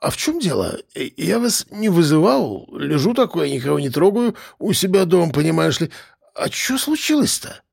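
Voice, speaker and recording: A man doing a raspy whining drunk. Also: fairly high pitch, very animated, normal speed, voice pushed up, full character voice. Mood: whiny. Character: hungover drunk man, whiny, confused suspect.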